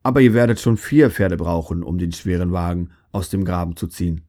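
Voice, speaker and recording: A man voicing a grumpy, fault-finding master craftsman who scolds everyone, speaking low and scornfully. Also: a little fast, mellow, natural voice. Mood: grumbling. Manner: grumbling, scornful.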